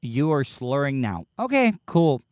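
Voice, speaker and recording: A man hosting a casual livestream, talking haltingly and defensively with profanity, his speech slightly slurred as if his lip is full of dip. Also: mid-range voice, big pitch swings, a little mellow, clean tone, dry recording, studio quality. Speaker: podcast livestream host. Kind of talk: casual livestream chat, answering live commenters.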